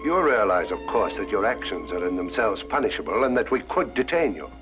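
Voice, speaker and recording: An actor playing a dogged, stolid police inspector with a formal, officious manner in a 1950s television drama. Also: male voice, on the low side, very animated, fairly quick. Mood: formal, stern. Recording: dull 1950s broadcast soundtrack, music behind.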